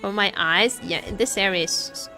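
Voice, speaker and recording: A woman's voice: mid-range voice, normal speed, sharp tone, soft background music. A woman live-streaming a game, chatting casually and expressively, often repeating her phrases. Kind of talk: casual livestream chat while gaming.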